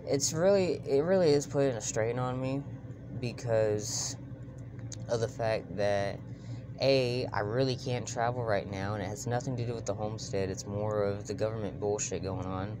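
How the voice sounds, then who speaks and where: A man's voice: on the low side, normal speed. A man with a Texan accent rambling casually to his phone camera outdoors at night, with many fillers and casual swearing. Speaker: homesteading vlogger. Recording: outdoor night with clear background noise.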